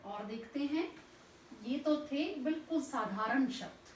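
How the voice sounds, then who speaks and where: A woman teacher slowly and patiently spelling out words sound by sound, asking and answering her own questions. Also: sits high, lively intonation, distant mic. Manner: slow, patient, spells out each sound step by step. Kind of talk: classroom lesson explaining spelling. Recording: echoey room, voice off-mic, faint background noise.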